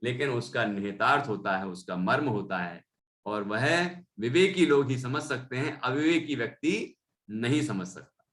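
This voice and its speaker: A man's voice: mid-range voice, animated, unhurried, fairly bright tone. A man teaching a Jain scripture class, reading a verse and then explaining it, often adding "है ना?". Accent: Indian Hindi. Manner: reads a verse, then explains with tag questions.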